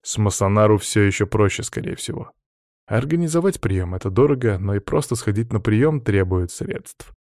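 A man narrating an audiobook in a measured, even way. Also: fairly low pitch, no echo, clean studio sound. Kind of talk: audiobook reading.

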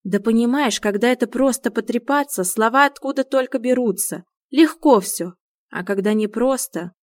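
A woman's voice: fairly high pitch, normal speed, dry recording, voice pushed up, close to an everyday voice. Brief: a lovesick, flustered man read by a woman, raised and pleading, dry audiobook sound. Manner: agitated, raised, pleading delivery. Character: flustered grown man, shy in love.

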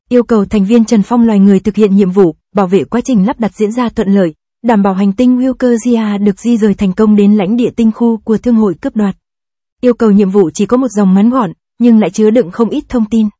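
A woman giving steady, scripted narration of a fantasy audiobook. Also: medium pitch, fairly quick, dry recording.

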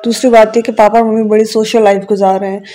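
A woman reading the lines of a stern, quick-tempered young husband in a novel, curt and scolding but tender underneath, with faint music behind. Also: medium pitch, level tone, mellow, natural voice. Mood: earnest.

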